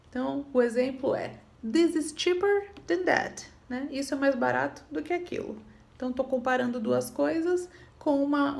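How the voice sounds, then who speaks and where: A woman's voice: high-pitched, vocal fry, darkish tone. A woman teaching an English grammar lesson, patiently explaining rules and checking in with her students. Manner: patient, repeats points, checks in with "tá bom?".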